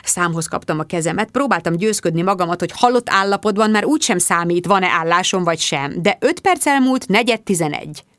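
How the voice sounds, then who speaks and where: A woman narrates a first-person story with lively expression. Her voice sits low. The recording is dry, with no room sound. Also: hardly any pauses, dry recording. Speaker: audiobook reader.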